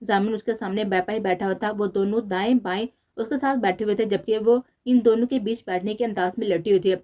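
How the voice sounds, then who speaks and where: A woman narrating a romantic audio novel in a steady, even storytelling manner. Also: mid-range voice, a little fast.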